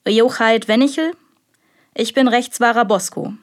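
A woman's voice: a little high, unhurried, lightly acted. A woman reading an audiobook, voicing a stern, irritable male magistrate with biting sarcasm. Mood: interrogating. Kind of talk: audiobook character voice.

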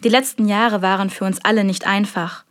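A woman's voice: mid-range voice, steady tone, brisk, lightly acted. Velvety haughty merchant, thirties, defensive, audiobook character, voiced by a woman. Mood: agitated. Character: smooth, defensive male merchant in his mid-thirties.

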